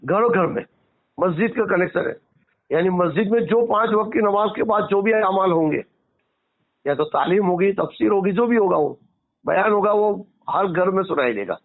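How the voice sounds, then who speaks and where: A man's voice: high-pitched, expressive, moderate pace. Insistent man caller on a phone line. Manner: insistent, keeps asking to be heard. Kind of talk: heated phone debate.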